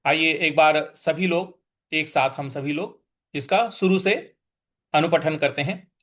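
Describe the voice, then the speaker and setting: A man's voice: a little high, slow, a bit bright. A man teaching scripture pronunciation, breaking words into syllables and chanting the verse. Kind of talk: recitation and pronunciation lesson.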